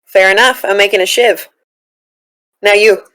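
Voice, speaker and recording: A woman's voice: mid-range voice, fairly even intonation, moderate pace, a bit bright. A woman speaking in character as a player in a tabletop game, dry and matter-of-fact.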